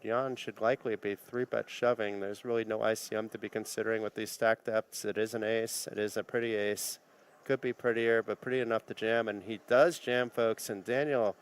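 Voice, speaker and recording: A man's voice: fairly low pitch, clean tone. A man doing easygoing live play-by-play commentary on a poker final table. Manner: easygoing play-by-play, light joking.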